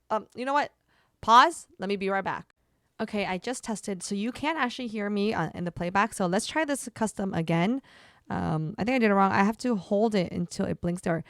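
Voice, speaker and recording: A woman's voice: medium pitch, clean tone, no room sound, clean studio sound. A young woman, a streamer, chatting through a casual product review with lots of fillers and an upbeat manner. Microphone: desk microphone.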